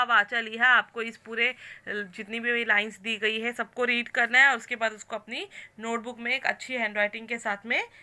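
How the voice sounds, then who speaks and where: A woman teacher with a Mumbai accent speaks in a very bright, slightly high voice. She records a voice-over for an online lesson, slowly and patiently sounding out each syllable for young children. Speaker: primary school teacher. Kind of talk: online lesson explaining Marathi in Hindi.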